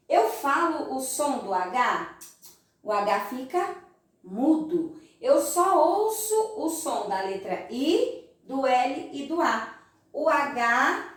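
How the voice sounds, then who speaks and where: A Brazilian woman teaching young children in a slow, sing-song voice, recorded in an echoey room from some distance. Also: high-pitched. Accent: Brazilian Portuguese. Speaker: primary school teacher. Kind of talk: recorded remote class lesson.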